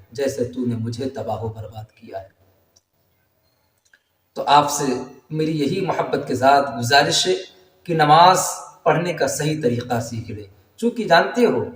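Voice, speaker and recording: A high-voiced man teaching how to pray, earnest and pleading, who draws the Arabic phrases out very slowly when he recites them. He stands away from the mic, and his voice rings with a long, roomy echo. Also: distant mic. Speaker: religious teacher. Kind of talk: instructional talk on prayer.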